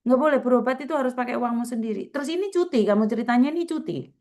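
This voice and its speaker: A woman's voice: on the high side, very fast, darkish tone. A woman hosting a video call, soothing and urging a worker, repeating her words. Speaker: host advising migrant workers.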